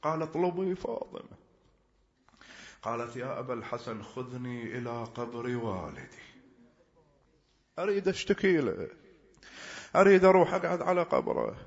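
A man's voice: medium pitch, sing-song, normal speed, gravelly, long pauses. Lamenting male preacher. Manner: lamenting, swings from hushed murmurs to loud cries. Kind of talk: mourning sermon recitation. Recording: dull lo-fi recording.

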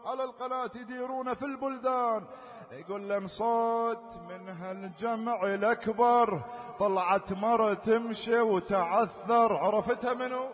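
A man's voice: high voice, fairly even intonation, normal speed. A man preaching a mourning sermon, telling a story and breaking into sung laments. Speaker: preacher reciting a mourning narrative. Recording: echoey hall reverb.

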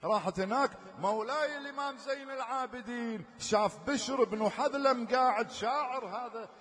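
High-voiced preacher in a hall. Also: male voice, moderate pace, fairly bright tone. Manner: storytelling broken by sung laments. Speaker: preacher reciting a mourning narrative. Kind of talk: chanted mourning sermon. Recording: echoey hall reverb.

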